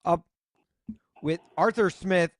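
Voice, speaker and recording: A man's voice: high-pitched, slow, no room sound, studio quality, voice pushed up. A man putting on a choppy, broken-up voice imitating a crackly drive-through speaker. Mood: mock garbled. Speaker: sports radio co-host.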